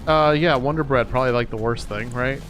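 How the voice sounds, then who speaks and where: A man's voice: medium pitch, brisk, a bit bright. Man thinking aloud while streaming a game. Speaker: livestreamer playing a game. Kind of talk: casual gameplay commentary. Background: music.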